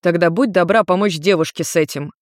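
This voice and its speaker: A woman's voice: fairly low pitch, a little fast, dry recording, clean studio sound, close to an everyday voice. A woman voicing an irritated young man, grey-haired and blunt, speaking in curt, exasperated lines.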